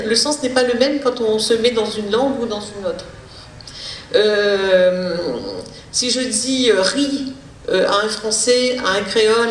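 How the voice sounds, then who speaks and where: A woman speech therapist giving a public lecture, explaining in a halting way with many hesitations. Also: medium pitch. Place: lecture hall. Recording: roomy hall, distant mic, faint noise.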